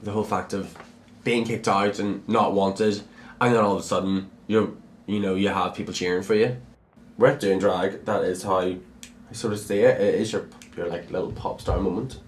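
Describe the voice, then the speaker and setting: Candid young man, low voice, reflective. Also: steady tone, fairly quick, slight background noise. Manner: candid, reflective, with frequent "like" fillers. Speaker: drag performer. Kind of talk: personal testimony in a documentary.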